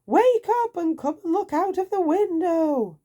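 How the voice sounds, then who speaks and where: A woman voicing an excitable, silly, childlike man in a children's storybook, exclaiming eagerly. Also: extremely high pitch, a little slow, pitched above the performer's own voice. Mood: urgent, excited.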